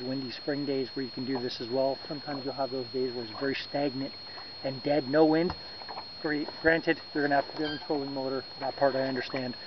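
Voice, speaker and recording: Fishing vlog guy outdoors on a boat. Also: medium pitch. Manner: relaxed, explanatory, gestures while talking, some fillers and self-corrections. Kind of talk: casual how-to talk to camera. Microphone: camera on a tripod a few meters away. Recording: dull lo-fi camera audio with wind noise.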